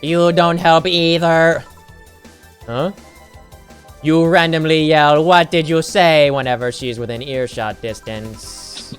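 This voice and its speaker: A streamer reading game dialogue aloud, putting on a metallic robot voice for a male robot patron, slow and stiff. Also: mid-range voice, steady tone, clean tone, faint music behind, pitched above the performer's own voice, natural voice. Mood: accusing.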